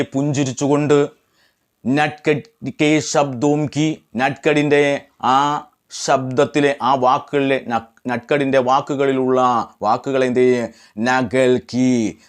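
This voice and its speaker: A man teaching a lesson, translating line by line and asking questions that he answers himself. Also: mid-range voice. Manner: translates phrase by phrase, repeating words. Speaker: Hindi tutor.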